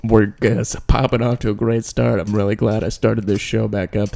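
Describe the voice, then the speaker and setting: A man hosting a comedy podcast, deadpan and self-mocking, rambling with filler into a close microphone. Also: fairly low pitch, normal speed, vocal fry. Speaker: podcast host. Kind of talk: comedic monologue.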